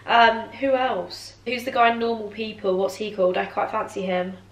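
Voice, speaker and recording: A woman's voice: mid-range voice, level tone, normal speed. A British woman in her twenties chatting casually in a giggly, tipsy way as she answers viewer questions. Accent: British English. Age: 20s. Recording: roomy echo, music behind.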